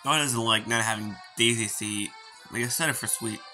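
A man's voice: on the low side, normal speed, low-quality recording. A man playfully reading video game dialogue aloud in character and joking about it as he plays. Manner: playful, reads lines in character and jokes about them. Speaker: gaming YouTuber. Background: game music.

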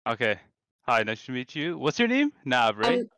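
A man's voice: medium pitch, very animated, normal speed, gravelly, sharp tone. A man in his twenties from Canada, chatting casually and joking in slang on a video-call date. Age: 20s. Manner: laid-back, joking, slangy. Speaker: dating show contestant. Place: bedroom, indoors.

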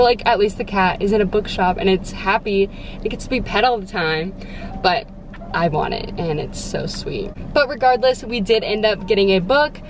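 A young woman from Texas, a book vlogger, chats to her phone camera held at arm's length while sitting in a parked car. Her medium-pitched voice is bubbly and chatty, packed with "like"s, over soft background music on a rough recording with a little hiss or hum.

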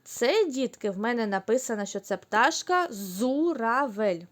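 A woman teaching young children, speaking slowly and clearly, drawing out the syllables. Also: fairly high pitch, lively intonation. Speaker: kindergarten teacher. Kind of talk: recorded online lesson for young children.

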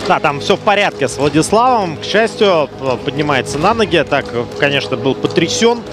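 A man's voice: a little high, animated, fairly quick. A man giving live sports commentary on a fight. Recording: arena crowd and music behind. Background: crowd and music.

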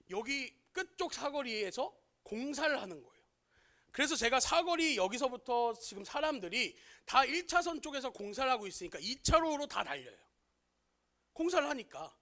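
A man's voice: very high voice, sharp tone. A man preaching a sermon to teenagers as their youth pastor, often asking his listeners questions and telling an everyday story to make his point.

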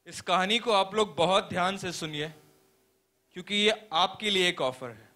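A young man playing a pastor in a stage play, telling a parable as a sermon in a slow, earnest preaching manner with deliberate pauses. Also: sits high, pushed and bright. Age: young adult.

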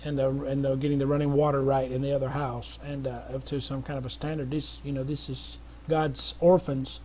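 Speaking a little fast in a mid-range, warm voice with a level tone, a middle-aged missionary makes an informal appeal to his audience. He rambles earnestly, restarting often and using many fillers, over slight background noise.

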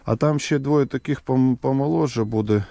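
A man working as a volunteer rescuer, calmly and practically giving reassuring instructions to people as he helps them into an evacuation vehicle outdoors. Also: mid-range voice, normal speed, creaky. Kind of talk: on-the-spot instructions while loading evacuees.

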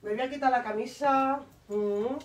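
Casting: woman, high voice, chatty and affectionate live-stream clothing seller, phone mic. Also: moderate pace, slight background noise. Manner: chatty, affectionate, repeats prices and calls viewers darling. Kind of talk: live sales pitch.

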